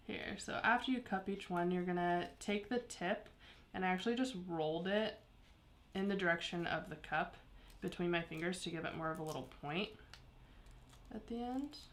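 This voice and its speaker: A woman's voice: on the low side, a bit bright, slight background noise. A woman teaching a paper craft live, explaining each step in an easygoing way with small laughs. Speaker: craft instructor. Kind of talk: live craft tutorial chat.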